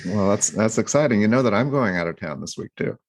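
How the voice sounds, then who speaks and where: Deep-voiced man teasing playfully. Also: expressive, fast. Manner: playful teasing, frequent repeats and ums. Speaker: podcast co-host. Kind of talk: casual podcast chat.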